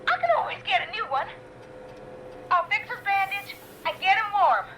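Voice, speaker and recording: A woman's voice: very high-pitched, animated, moderate pace, noisy background. A woman playing a frightened young caller in a video game, pleading and apologetic as she tends to an injured man. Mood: flustered, anxious. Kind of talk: dramatic video game acting.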